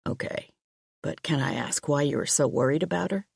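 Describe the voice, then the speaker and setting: A woman voicing a calm, dry male police chief in an audiobook, lowering and quieting her voice. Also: creaky, breathy edge, dry recording, full character voice. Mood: measured. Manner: low, quiet and measured.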